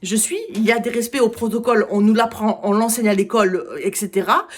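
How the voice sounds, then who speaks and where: Woman, campaign rant, blunt opinions, halting speech, frequent restarts, mid-pitched voice. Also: fairly even intonation, husky. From Italian heritage. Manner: halting, many hesitations and restarts. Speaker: political candidate.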